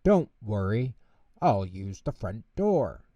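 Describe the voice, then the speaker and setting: Male reader as hearty old Santa figure, jolly, storybook, mellow, distant microphone. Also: on the low side, sing-song, slow pace, lo-fi sound, heavily acted. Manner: hearty, jovial. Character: jolly, hungry Santa Claus, old man. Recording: roomy echo, distant microphone.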